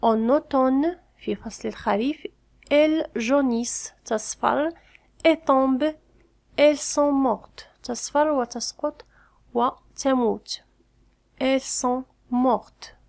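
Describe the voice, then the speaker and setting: Woman teaching French, slow careful reading. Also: high voice, vocal fry, darkish tone. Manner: reads French slowly, explains quickly in Arabic. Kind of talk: bilingual language lesson, reading and explaining.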